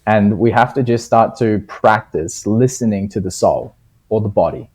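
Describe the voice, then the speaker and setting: A calm, low-voiced man giving earnest advice. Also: normal speed, breathy edge. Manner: calm, earnest, coaching tone, casual slang. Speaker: podcast guest. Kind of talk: reflective conversational advice.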